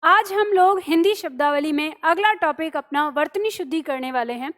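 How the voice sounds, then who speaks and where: A woman's voice: high-pitched, fairly bright tone. A woman teacher explaining word spellings to students, breaking words into parts and often checking with "okay?". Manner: explains slowly, spells words syllable by syllable, keeps asking "okay?". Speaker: Hindi teacher.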